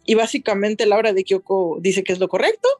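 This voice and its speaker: A woman's voice: mid-range voice, fairly quick, a little mellow, dry recording, faint music behind. A woman casually recapping an anime episode as a podcast host, rambling with many restarts.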